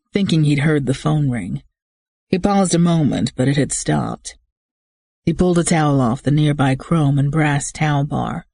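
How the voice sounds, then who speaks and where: An audiobook narrator reading a first-person thriller with steady, tense storytelling. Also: mid-range voice, gravelly, breathy edge, no room sound, studio quality.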